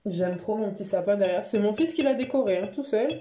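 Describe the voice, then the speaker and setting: A woman talking casually and frankly in a home haul vlog, chatty and quick to laugh. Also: mid-range voice, dark tone, slight background noise. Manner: chatty, frank, laughs easily, many fillers. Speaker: beauty vlogger. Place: home living room by a Christmas tree.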